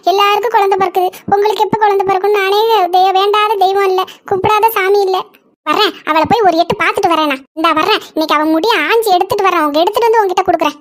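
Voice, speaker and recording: A woman voicing a fierce, protective village mother-in-law who scolds fast in a cartoon. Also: extremely high pitch. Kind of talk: cartoon voice acting.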